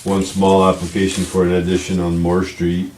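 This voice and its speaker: A man's voice: deep voice, completely flat delivery, normal speed, a little mellow. A man giving an informal report as a local official at a board meeting. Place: indoor village board meeting room. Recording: roomy, distant mic with background noise.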